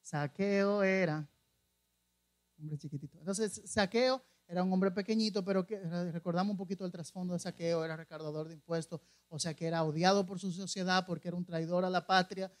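A man's voice: high-pitched, fairly even intonation, a little fast. A man preaching a conversational sermon, often asking the congregation questions and retelling scripture stories with acted-out quotes. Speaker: pastor.

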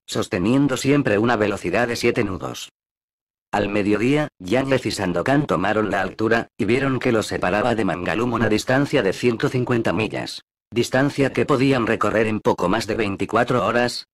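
Low-voiced male audiobook narrator. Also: no room sound. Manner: steady, measured reading. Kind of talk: scripted narration of an adventure novel.

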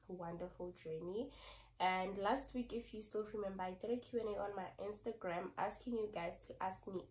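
A woman in her twenties from South Africa, chatting to camera in a casual hair vlog while she has a cold and a slightly squeaky voice. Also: darkish tone, rough recording. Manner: chatty, repeats thanks, says "yo" and "like". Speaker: beauty vlogger.

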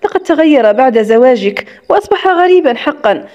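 A gentle, loyal young woman, played by a woman reading an audiobook speaks in a soft, soothing way. Her voice sits high. The recording sounds slightly dull and lo-fi. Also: lively intonation, a little fast.

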